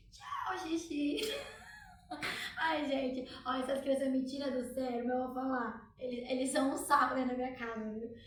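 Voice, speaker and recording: A woman's voice: high-pitched, recorded from a distance, slight background noise. A mother, chatting at home to her viewers and telling a story, often asking them to react. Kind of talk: casual chat to viewers. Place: room at home. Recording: very echoey room, from off-mic.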